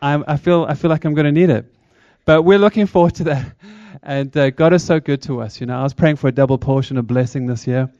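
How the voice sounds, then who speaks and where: A South African charity speaker, accent and all, chats engagingly with a church congregation and asks them questions. He speaks fast and fairly high with hardly any pauses, his tone mellow, in lo-fi audio with no room sound.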